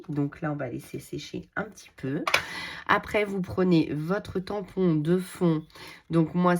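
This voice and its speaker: A woman's voice: deep voice, gravelly, slight background noise. A middle-aged woman hosting a casual crafting tutorial. She is chatty, talks to herself as she works, and uses many fillers. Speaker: craft video host.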